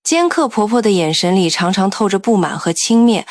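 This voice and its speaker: A woman narrating a scripted audiobook story in a steady, even storytelling manner. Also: medium pitch, fairly quick, no echo, studio quality.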